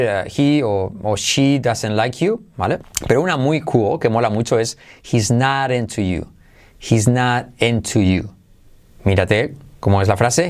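A man from Spain with a Spanish accent, teaching English to Spanish speakers in an online lesson. He talks with energy, switches between Spanish and English, and repeats English phrases slowly for practice. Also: mid-range voice.

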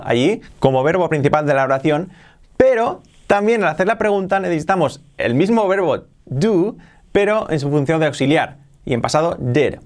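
A man teaching English grammar in casual Spanish, repeating English example sentences slowly and clearly. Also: on the high side. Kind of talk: explaining grammar to learners.

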